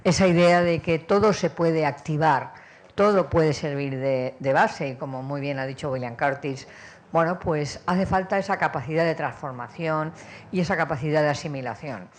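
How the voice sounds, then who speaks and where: A woman's voice: low-pitched, normal speed. Female conference participant, spontaneous spoken commentary, discursive and a little hesitant.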